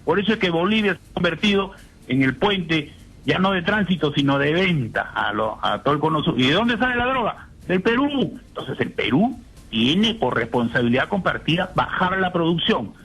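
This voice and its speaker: A man's voice: a little high, sing-song, normal speed, a bit bright, husky, low-quality recording. An older man, a retired general, speaking indignantly as a radio guest and firing off rhetorical questions. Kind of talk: phone-in radio interview.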